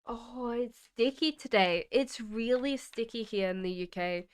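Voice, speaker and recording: A woman from Australia, whose accent blends Australian with British, chats through a live-stream tarot reading from her home in the UK. She reads viewer comments aloud and laughs often. Her voice is fairly high, clean, and a little slow.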